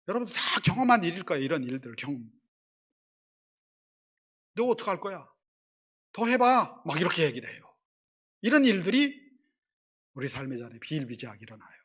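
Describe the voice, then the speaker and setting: In a church sanctuary, a male pastor preaches a sermon conversationally, asking the congregation questions and acting out quarreling voices in quotes. His voice is slightly high and fairly bright, with a breathy edge.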